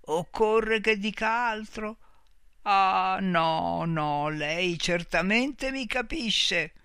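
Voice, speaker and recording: A man voicing a boisterous old male army veteran who talks slowly and emphatically, with a confidential, wheedling manner. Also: high-pitched, a bit bright, dry recording, clean studio sound.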